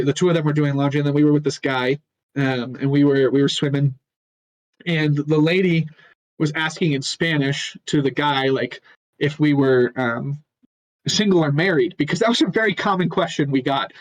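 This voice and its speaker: A young man on a podcast telling a long casual story, rambling and halting and chuckling often. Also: on the high side, no echo, rough recording. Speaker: podcast co-host.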